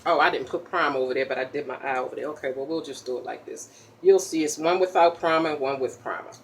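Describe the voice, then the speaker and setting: A chatty woman walks through a casual makeup tutorial, popping gum as she talks. She keeps checking in with a quick "okay?" after each step, over a faint hum behind her. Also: a bass voice. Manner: pops chewing gum while talking.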